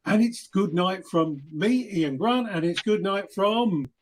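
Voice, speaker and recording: A man's voice: high-pitched, expressive, slow pace, slight background noise. A man hosting a podcast, chatting casually and cheering his co-host on with enthusiasm. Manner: affirming, enthusiastic listener. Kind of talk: casual chat.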